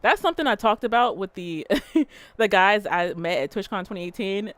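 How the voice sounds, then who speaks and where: A woman streamer telling a story and chatting with her viewers, animated and full of swearing. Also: medium pitch, normal speed, dry recording. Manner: profane, animated, talks straight to chat. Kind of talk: casual livestream storytelling and chat.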